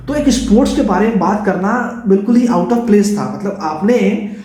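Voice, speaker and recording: A man's voice: high-pitched, dark tone, echoey room. A man with an Indian English accent teaching an online exam-prep lesson, chatty and coaxing, calling his students guys and dear children.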